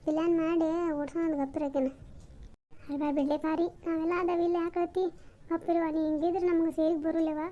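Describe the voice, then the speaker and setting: Cartoon: woman voicing a quick, high-voiced, bossy village woman with a North Karnataka accent. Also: little pitch movement, warm tone. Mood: bossy reassuring. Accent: North Karnataka Kannada. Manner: brisk, bossy, reassuring. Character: chatty village woman consoling her friend. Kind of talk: cartoon comedy voice acting.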